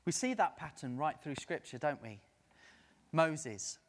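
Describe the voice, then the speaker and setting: A man delivers a sermon with a somewhat raised pitch. He is an animated storyteller who slips into the voices of the people he quotes. His voice carries a long, lingering reverb from a large hall. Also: measured pace. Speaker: preacher.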